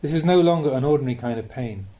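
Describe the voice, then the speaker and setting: A man, a Buddhist monk, reads a spiritual teaching from a script as an audiobook. He phrases things in a measured, deliberate way, poses rhetorical questions, and has a mid-range voice with a dark tone.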